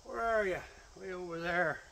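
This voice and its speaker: A man's voice: high-pitched, normal speed, creaky, sharp tone. A middle-aged man vlogging at an outdoor campsite, muttering and cursing at himself while he works on gear. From Canada. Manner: self-mocking, mutters and swears to himself while working. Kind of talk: casual solo vlog talk. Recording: noisy outdoor camera audio.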